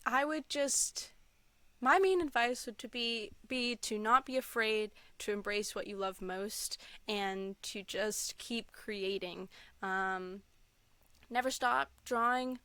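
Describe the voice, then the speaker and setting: A young adult woman, a content creator, answers interview questions as a guest in a casual, enthusiastic chat, giggling often. Her slightly high voice is slow, with a sharp, clear and resonant tone, and the recording has no room sound.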